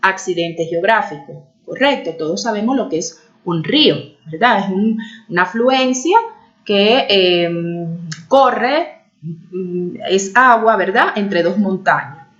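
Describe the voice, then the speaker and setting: A woman's voice: mid-range voice, lively intonation, slow, fairly bright tone. Woman, teacher, explanatory lesson voice, often checks understanding, slightly dull lo-fi sound. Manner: stretches out key words when stressing them. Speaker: primary school teacher. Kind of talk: recorded video lesson.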